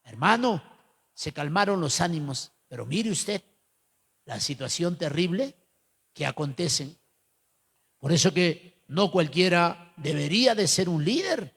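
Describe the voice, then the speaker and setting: A man with an Ecuadorian accent preaching a storytelling sermon, animated, calling listeners brother and rising to shouted fervor. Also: fairly high pitch, unhurried, creaky, breathy edge. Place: church hall. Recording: long hall reverb.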